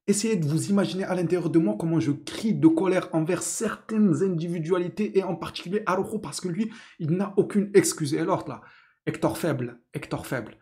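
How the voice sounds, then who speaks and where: High-voiced, indignant man ranting. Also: fairly quick, hardly any pauses, dark tone. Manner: indignant, sarcastic, mocking. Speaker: football commentator youtuber. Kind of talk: angry post-match rant to camera.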